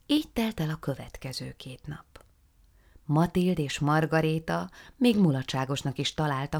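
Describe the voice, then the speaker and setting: Low, gravelly woman reading a story. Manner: soft, hushed, half-whispered reading. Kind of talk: storybook narration.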